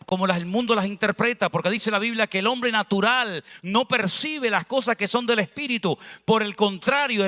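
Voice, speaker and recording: A man from Spain, a pastor preaching an animated sermon with chatty asides, recorded in a church hall. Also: high voice. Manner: animated, preaching with conversational asides and acted dialogue. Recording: long hall reverb.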